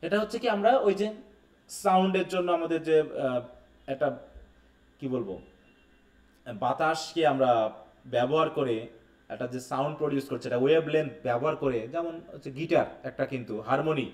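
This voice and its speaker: Male teacher, lecturing a live class and checking in often; slightly high voice, set back from the mic. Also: a little fast, pauses often, a little mellow, distant mic. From Bangladesh. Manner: keeps checking with students, mixes English terms. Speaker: English teacher. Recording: echoey room, away from the mic.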